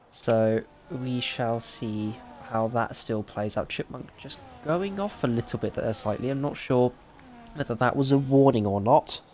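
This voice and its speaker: A man calls a live sim racing broadcast as lead commentator, firing off excitable play-by-play. His pitch sits in a middle range. Faint background noise hangs under his voice.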